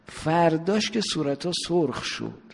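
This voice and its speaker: Gravelly preacher guy telling a story to a crowd, lots of rhetorical questions, long hall reverb. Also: on the high side, animated. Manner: rhetorical questions, drawn-out emphasis. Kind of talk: sermon storytelling.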